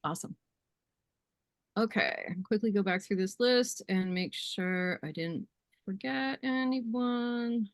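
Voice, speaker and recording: A woman hosting a community meeting on a video call, reading out announcements in a brisk, businesslike way. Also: mid-range voice, no room sound, studio quality. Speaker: meeting host. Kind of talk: running an online community meeting.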